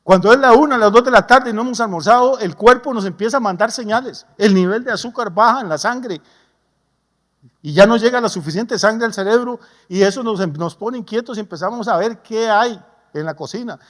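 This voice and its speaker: A man's voice: sits high, a little fast, a bit bright. A man, a pastor preaching a sermon in a folksy, humorous way with homely stories. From Costa Rica. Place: church sanctuary. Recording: long church reverb.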